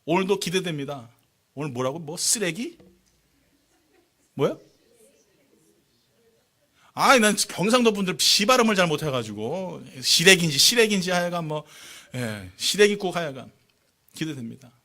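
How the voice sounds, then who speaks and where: A male pastor preaching a lively, joking sermon in church, often calling out questions to the congregation. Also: fairly high pitch, normal speed, gravelly, pauses often. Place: church sanctuary.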